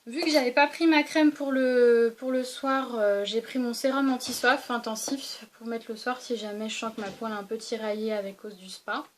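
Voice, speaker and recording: A woman's voice: on the high side, fairly even intonation, moderate pace, hardly any pauses, a little hiss or hum. A young woman casually showing her weekend travel toiletries in a vlog, chatty, with many fillers and restarts. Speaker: beauty vlogger. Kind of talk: casual show-and-tell vlog.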